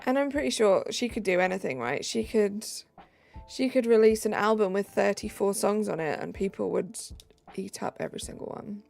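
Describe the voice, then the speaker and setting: A mid-range, creaky, darkish voice with lively intonation and a moderate pace belongs to a southern English woman live streaming from home. She chats casually while gaming, reading viewers' comments aloud and answering them with trailing fillers, as faint music plays.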